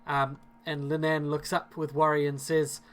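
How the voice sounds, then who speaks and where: A man's voice: fairly high pitch, little pitch movement, normal speed, a bit bright. A man narrating a tabletop game as game master, casual and hesitant, with many fillers.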